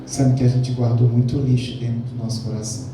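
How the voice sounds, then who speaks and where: A male pastor preaches a sermon in a church hall, putting rhetorical questions to the congregation and repeating phrases for emphasis. His medium-pitched voice is level and fast, and the recording is very echoey, with a distant mic and background noise.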